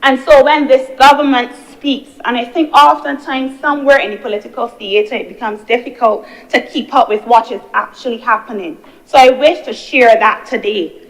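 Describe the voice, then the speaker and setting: A woman's voice: fairly high pitch, moderate pace, rough recording. Earnest young woman senator. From Barbados. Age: young adult. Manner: earnest, rhetorical, builds on repeated phrases. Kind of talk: parliamentary speech. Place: senate chamber.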